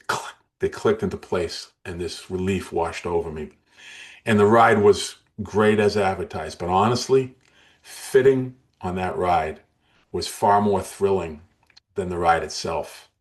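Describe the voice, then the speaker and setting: Deep-voiced man in his sixties, earnest. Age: 60s. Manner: earnest, emotional, with frequent restarts. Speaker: guest. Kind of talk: interview storytelling.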